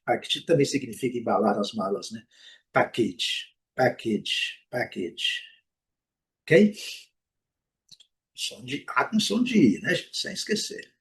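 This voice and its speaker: A Brazilian man with a husky, rough-edged voice gives a pronunciation lesson at a middle pitch. He drills each word slowly, saying it three times over. He keeps tagging his lines with little check-ins to his students. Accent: Brazilian Portuguese. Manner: repeats words slowly, frequent "né?" and "ok?". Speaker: English pronunciation teacher. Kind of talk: explaining pronunciation, slow modeled repetitions.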